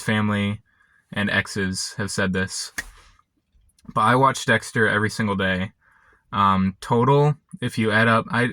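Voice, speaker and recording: A young man chatting casually and unscripted to camera, halting and often interrupting himself as he rambles. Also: fairly low pitch, bright, forceful tone, dry recording. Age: young adult. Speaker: vlogger. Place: inside a parked car. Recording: background noise, vehicle ambience.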